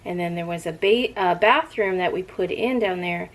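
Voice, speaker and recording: Gravelly low-voiced woman, rambling casual chat. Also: normal speed. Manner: rambling, often drifting off topic and picking the thread back up. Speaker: vlogger.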